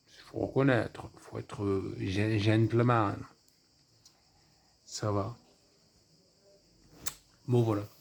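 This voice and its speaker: A man's voice: on the low side, level tone, slow, vocal fry, long pauses, a little mellow. A man giving a casual, rambling film review, full of asides and fillers.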